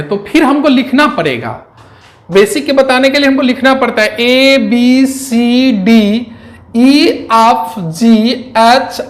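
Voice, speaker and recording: Chatty math teacher, echoey room. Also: male voice, very high voice. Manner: chatty, counts aloud, asks rhetorical questions. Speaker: reasoning teacher. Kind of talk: classroom lecture on exam reasoning.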